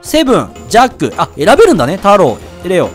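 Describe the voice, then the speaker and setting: A man giving excited commentary while playing a video game, yelping and shouting whenever he takes a hit. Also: high-pitched, fast, faint music behind. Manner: excitable, yelps and shouts at hits. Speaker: let's play gamer.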